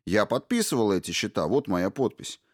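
A man voicing an evasive male fund official who answers questioning with indignant, smooth denials. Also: on the low side, big pitch swings, fairly quick, dry recording, studio quality. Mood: defensive.

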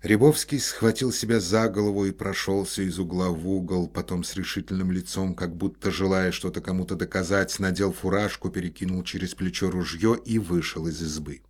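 A man narrating a literary audiobook in a measured, expressive storytelling manner. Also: sits low, slightly rough.

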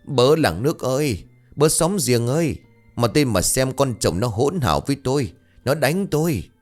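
A man's voice: on the low side, expressive, fairly quick, faint music behind, natural voice. A man voicing a harsh middle-aged village stepmother who shrieks insults and wails. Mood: wailing.

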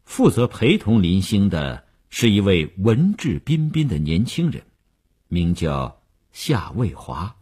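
A man narrating an audiobook in a steady storytelling manner. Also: on the low side, slightly rough. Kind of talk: scripted narration.

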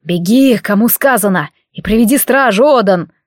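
A woman voicing a brave male uncle, a wounded soldier, who shouts urgently. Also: mid-range voice, lively intonation, moderate pace, dry recording, studio quality, natural voice.

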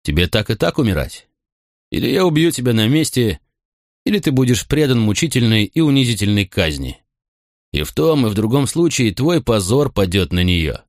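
A man's voice: mid-range voice, very animated, moderate pace, no echo, studio quality, pitched above the performer's own voice. A man voicing a stern, angry Roman centurion who speaks in blunt, harsh commands. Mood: cold.

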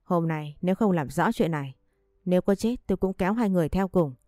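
A woman's voice: lowish voice, lively intonation, fast, dark tone, no echo, studio quality, lightly acted. A woman voicing a furious, grieving second wife who bites out each word with bitterness.

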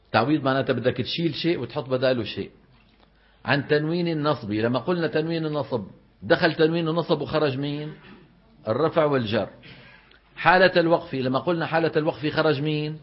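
A middle-aged man with a Levantine Arabic accent lectures a class on recitation at a middle pitch. He quizzes his students and then answers himself, drawing each example word out slowly. The recording sounds slightly dull and lo-fi. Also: husky. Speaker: Quran recitation teacher.

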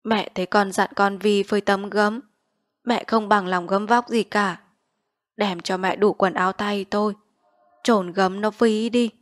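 A woman reading the part of a dying elderly mother who gives calm, firm instructions to her family, in a dry, close recording. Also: mid-range voice, a little slow, dry recording, close to an everyday voice.

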